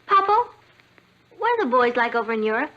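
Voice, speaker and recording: An actress playing a spirited, excitable teenage girl in a 1960s TV sitcom. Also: a little high, slight background noise. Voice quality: bubbly, eager, quick. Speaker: teenage daughter. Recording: dull old TV soundtrack.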